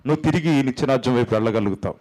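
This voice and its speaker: A man preaching a sermon, animated, acting out quotes with big jumps and drops in pitch, slipping English phrases in. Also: very fast, rough recording. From India. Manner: mixes English phrases into his talk. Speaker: pastor.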